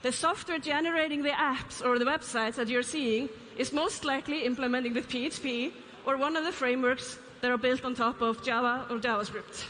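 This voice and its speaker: Brisk and steady with few pauses, this high-pitched, fairly bright female voice comes from an Icelandic CEO giving a keynote. On a large conference stage she asks the audience questions and makes light asides. There's a little hiss or hum, plus hall reverb and faint ambience.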